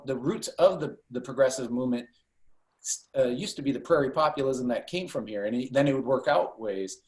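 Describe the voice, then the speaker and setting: A man's voice: mid-range voice, a little mellow, reverberant, low-quality recording. A man running for Congress from Iowa, answering voter questions on a video call, talking with many fillers and restarts. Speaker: congressional candidate.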